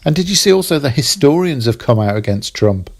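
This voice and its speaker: A mid-pitched man reads out the news on a comedy podcast in a dry, measured way and adds wry asides. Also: sing-song, gravelly. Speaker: podcast co-host. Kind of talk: casual comedic chat.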